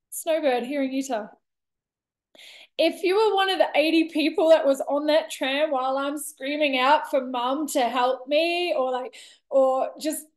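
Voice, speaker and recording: Recorded by a laptop webcam at desk distance in a bright indoor room with big windows, a thirtysomething woman vlogs a personal story. Her high voice is unhurried, and her candid monologue carries expressive emphasis.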